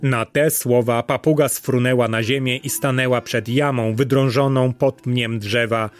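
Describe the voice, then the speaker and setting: A male storyteller reads a fairy tale in a measured, even voice of middling pitch, slowing down for the solemn moments. A guitar plays softly in the background. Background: faint guitar music.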